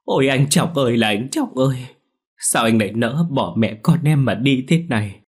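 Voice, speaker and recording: A man's voice: medium pitch, expressive, moderate pace, slightly rough, pitched above the performer's own voice. A man doing a wailing village wife. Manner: wailing lament. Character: wailing young village wife, grief-stricken.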